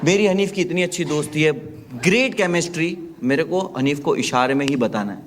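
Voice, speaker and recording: A man telling a comic story on stage, animated and acting out the people in it with big jumps in his voice. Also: a little fast. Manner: animated, acts out characters with big pitch jumps. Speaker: stand-up comedian. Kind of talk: stand-up storytelling. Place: comedy stage before a live audience. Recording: stage mic with loud crowd laughter and noise.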